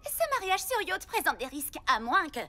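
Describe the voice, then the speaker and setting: High bossy cartoon kid, upbeat announcer vibe. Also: female voice, sing-song, moderate pace. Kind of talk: animated series dub. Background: music.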